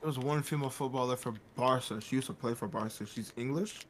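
A man co-hosting a sports podcast, sharing measured opinions in casual chat. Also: medium pitch, a crowd in the background. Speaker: podcast co-host.

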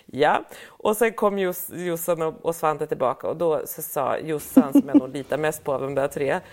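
A middle-aged woman, telling a story in casual chat and acting out other people's lines with big jumps in her voice. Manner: animated storyteller, acts out quotes with big pitch jumps. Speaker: podcast co-host telling a story.

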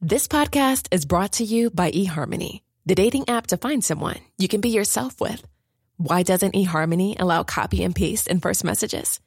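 A woman giving an upbeat ad read, her voice lively and full of movement with a gravelly, husky texture. The recording is close and dry. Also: fairly low pitch, moderate pace, no room sound. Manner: upbeat, persuasive. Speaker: ad reader. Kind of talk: scripted ad read.

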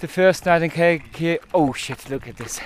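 A man's voice: a little high, moderate pace, a little hiss or hum. A male bike-race rider chatting cheerfully with the host, laughing often. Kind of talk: casual chat.

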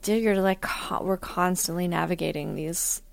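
A woman's voice: fairly low pitch, steady tone, moderate pace, vocal fry, no room sound. A woman co-hosting a podcast in casual personal conversation, talking in a candid, reflective way. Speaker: podcast co-host.

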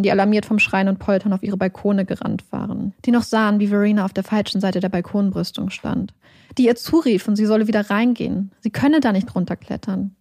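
A woman reading scripted true-crime narration in a measured, somber manner, close to a studio microphone. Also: medium pitch, gravelly, darkish tone, no echo. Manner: measured, somber, reads out quoted dialogue. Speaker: podcast narrator.

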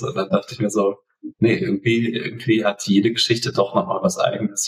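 Male podcast host, low register, robotic, degraded mic sound, conversational interviewer. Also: reverberant, far from the mic. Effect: robotic-sounding audio. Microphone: wrong, poor-quality microphone. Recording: poor robotic audio, wrong microphone.

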